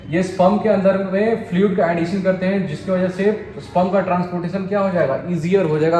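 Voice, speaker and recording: A man's voice: fairly high pitch, darkish tone. A young man teaching a biology exam lesson, asking his own questions and answering them, and repeating key terms as he goes. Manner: repeats terms, keeps saying "dekho bhai". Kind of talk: exam-prep biology lecture. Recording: echoey room with faint hiss.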